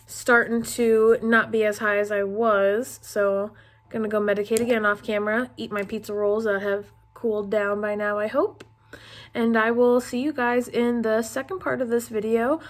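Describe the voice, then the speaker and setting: Higher-voiced young woman vlogger, blunt and casual. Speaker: makeup vlogger. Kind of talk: casual chat to viewers.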